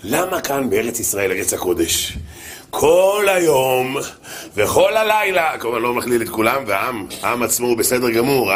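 A man preaching a humorous sermon, telling anecdotes in an animated way with many repetitions. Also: medium pitch.

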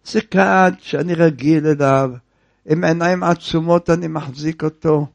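Guy doing an upset old man, wailing and pleading, raspy high voice. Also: fairly even intonation. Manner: wailing, then pleading at length. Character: distraught old man mourning his broken jug.

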